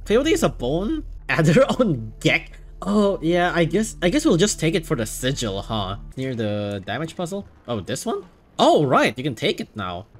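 A man playing a video game, reading its text aloud and reacting excitably as he plays. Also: on the high side, normal speed. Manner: excitable, bursts into laughter and exclamations. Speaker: gaming YouTuber.

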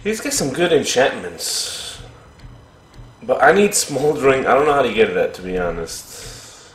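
A man talks through his video game in casual let's-play commentary, excitable and thinking out loud. His voice sits at a middle pitch and rings in a roomy space, with faint game music underneath. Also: a little slow. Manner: excitable, thinks aloud, repeats himself. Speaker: gaming commentator. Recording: roomy echo.

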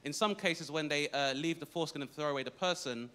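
A man delivering roast insults on stage with deadpan setups and hesitant pauses. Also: on the high side. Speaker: roast battle comedian. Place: comedy club stage before live audience. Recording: loud crowd and noise.

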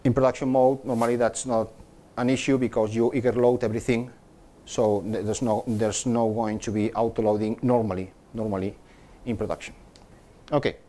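Brisk and warm, this middle-aged man's mid-range voice stays level in tone as he presents a technical talk. He's a conference speaker addressing a meetup audience in a room with a projector screen, often repeating words and beginning again mid-explanation.

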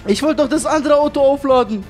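A young man with a fairly high voice narrates his game role-play. He is excitable and keeps repeating his exclamations. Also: quick pace, faint music behind. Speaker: gaming YouTuber.

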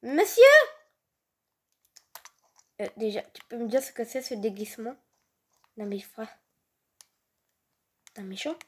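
A youthful-sounding woman improvises slangy, exclamatory role-play over video game footage, voicing characters as a gaming video creator. Her slightly high voice is mellow and breathy, measured in pace with frequent pauses, recorded on a handheld phone filming a screen.

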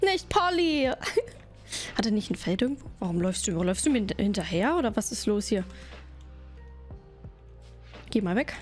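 A woman's voice: medium pitch, very animated, moderate pace, long pauses, faint music behind. A woman streaming a game, chatting playfully with her viewers while she plays. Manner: playful, chatty, talks to chat while playing. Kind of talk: casual gaming livestream chat.

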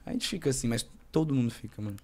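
A young man and actor, chatting casually as a podcast guest in a slangy, rambling, animated way. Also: medium pitch, racing.

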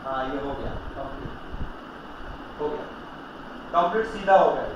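A tool shop owner gives a casual walkthrough of a laser leveler, going step by step and prompting viewers to look. His medium-pitched voice is animated, delivered at a measured pace. It was shot indoors on a handheld camera by another person, in a small shelved room with echo, slightly dull sound, and faint noise.

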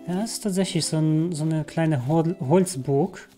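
A man commenting live on his video game, chatty and excitable, often exclaiming. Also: on the high side, a little slow. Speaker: let's play gamer. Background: game music.

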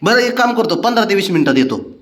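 A man's voice: sits high, big pitch swings, fast talker, fairly bright tone, reverberant. A man talking to his cat in a coaxing, pleading way, like baby talk. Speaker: cat owner. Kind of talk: casual talk to a pet.

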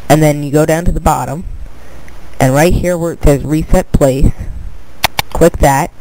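Here the stuffy-nosed young tutorial maker speaks a little slowly in a dark voice that sits on the high side, with fairly even intonation. Casual and rambling, he restarts words and leans on "but anyway" while guiding viewers through his screen recording. There's slight background noise and the audio is rough.

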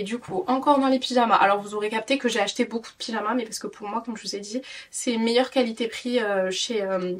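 A tired woman in her twenties from France, a parenting vlogger, chats casually through a clothing haul vlog. She rambles with lots of fillers and restarts. Her fairly high voice is recorded from a distance.

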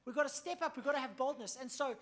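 A pastor from South Africa preaching a sermon in a punchy, emphatic way, swinging between loud bursts and hushed asides and often checking in with "okay?" and "right?". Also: male voice, very high-pitched, fast.

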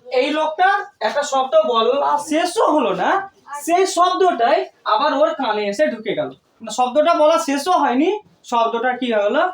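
A woman tutor teaching a classroom lesson, explaining step by step and often asking her students questions. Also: high-pitched. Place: tuition classroom. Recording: echoey room, distant mic, faint noise.

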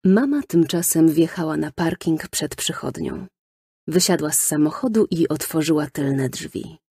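A woman narrating a children's storybook in a lively storytelling manner, recorded close in a studio. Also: sits low, unhurried, husky, no room sound. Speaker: audiobook narrator.

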